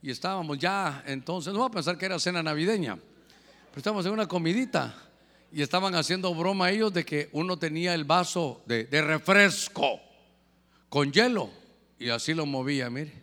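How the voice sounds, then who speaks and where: A male pastor preaches with animation and keeps turning questions on his congregation. His voice sits high and sounds bright and forceful. It carries a long echo from a church hall. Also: moderate pace. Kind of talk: sermon.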